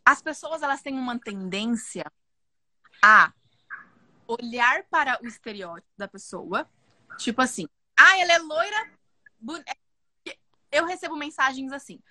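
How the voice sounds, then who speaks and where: A young woman, talking in a casual podcast conversation. Her high, bright voice comes out loud and intense, often close to shouting. The sound is close and dry. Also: unhurried, pauses often, dry recording. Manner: loud, intense and expressive, talks animatedly. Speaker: podcast guest.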